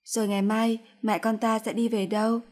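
A woman voicing a hurt young wife, soft and sad, in a storybook reading. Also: fairly high pitch, little pitch movement, fairly quick, voice pushed up, natural voice.

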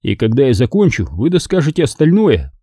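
A man's voice: mid-range voice, sing-song, a little fast, warm tone, breathy edge, no echo, studio quality, pitched above the performer's own voice. A man voicing a dogged male investigator who presses blunt accusations. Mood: accusing.

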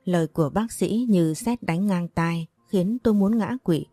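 A woman reading a first-person story aloud in a measured, emotive storytelling manner. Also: fairly low pitch, warm tone, no echo, soft background music. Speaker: audiobook narrator.

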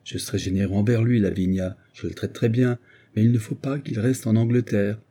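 A man's voice: lowish voice, steady tone, fairly quick, mellow. A man voicing a cold, selfish, scheming middle-aged man in an audiobook, speaking with firm disdain. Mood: contemptuous.

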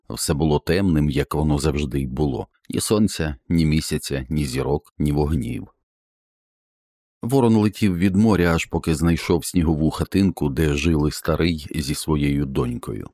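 A man reading an audiobook in measured storytelling narration. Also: a bass voice, darkish tone, dry recording, studio quality.

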